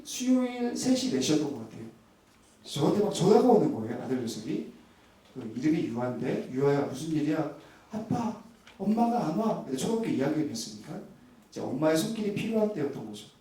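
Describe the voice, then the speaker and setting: A man in his thirties, a pastor, telling a personal story in a sermon and acting out the voices in it. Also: a little high. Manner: animated storytelling, acts out quoted voices, chuckles often. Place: church sanctuary. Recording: roomy church hall, voice from a distance.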